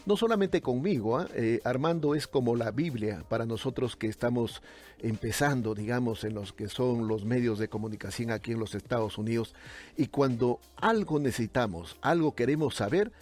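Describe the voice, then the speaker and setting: A man's voice: mid-range voice, moderate pace, darkish tone. A man hosting an interview, effusive and full of hesitations and fillers. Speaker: interview host. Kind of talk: casual interview conversation.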